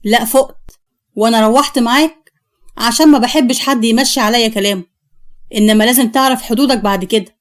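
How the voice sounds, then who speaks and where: A young Egyptian wife in a storytelling video, pitched high, cold and threatening in one self and trembling in the other, put on by a woman narrator. Plain everyday Egyptian speech carries her lines. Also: a little fast, close to an everyday voice. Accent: Egyptian Arabic. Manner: cold, threatening, frightened when herself.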